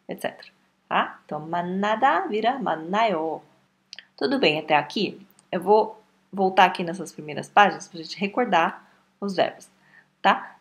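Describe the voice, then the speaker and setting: Woman teacher, low-pitched, patient lesson explainer who repeats words slowly and checks in constantly. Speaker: language teacher. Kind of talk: online language lesson.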